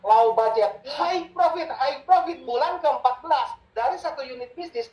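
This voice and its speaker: A man with a high voice who coaches on business as a mentor. He talks emphatically and keeps repeating his key phrases. The room around him is echoey. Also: moderate pace, a little mellow. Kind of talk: sales coaching talk.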